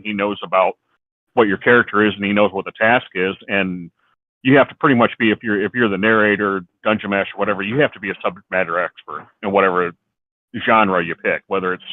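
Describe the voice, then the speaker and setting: Low-voiced man on a tinny line. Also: no echo. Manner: rambling, explains with worked examples. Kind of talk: casual chat. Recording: tinny phone-like line, dry.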